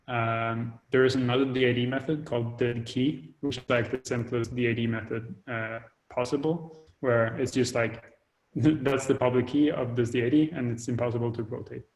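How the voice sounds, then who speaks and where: A man explains technical work over a video call, stopping and restarting often and filling pauses as he talks. His voice stays flat, with little rise or fall in pitch. The call audio breaks up now and then. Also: poor audio. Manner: hesitant, many fillers and restarts. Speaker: developer giving an update.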